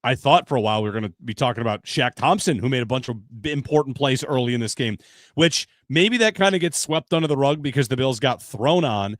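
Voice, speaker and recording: A man's voice: mid-range voice, expressive, fast talker, dry recording, clean studio sound. A man hosting a sports podcast, leading a loose, casual discussion and reeling off game statistics. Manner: stat-heavy, loose and chatty, leads the discussion.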